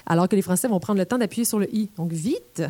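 Une femme québécoise à l'accent québécois, qui présente de façon enjouée les sons de sa langue et les illustre par des exemples. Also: female voice, medium pitch, rapid-fire, mellow, no room sound. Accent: Québécois French. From Quebec. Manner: playful, demonstrates sounds with examples. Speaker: presenter. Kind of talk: explanatory talk on language.

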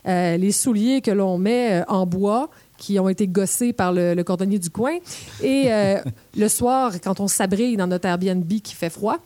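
Une femme québécoise à l'accent québécois, qui présente de façon enjouée les sons de sa langue et les illustre par des exemples. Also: female voice, mid-range voice, measured pace, dark tone, no room sound. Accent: Québécois French. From Quebec. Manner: playful, demonstrates sounds with examples. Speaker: presenter. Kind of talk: explanatory talk on language.

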